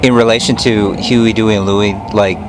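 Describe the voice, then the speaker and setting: A man asking interview questions casually, tentative and halting, often repeating his words. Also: fairly low pitch, steady tone. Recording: background noise.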